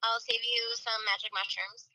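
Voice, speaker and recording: A young woman calling in on a speakerphone, chatting casually in a rambling way with deadpan jokes. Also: fairly high pitch, moderate pace, dry recording, rough recording. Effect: speakerphone call. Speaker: caller on speakerphone. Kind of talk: casual chat.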